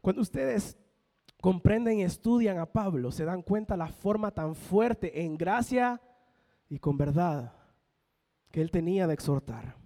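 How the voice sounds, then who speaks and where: A man's voice: high voice, expressive, unhurried, warm tone. A young man, preaching a sermon as a pastor, building emphasis and acting out the voices he quotes. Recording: long hall reverb from a church.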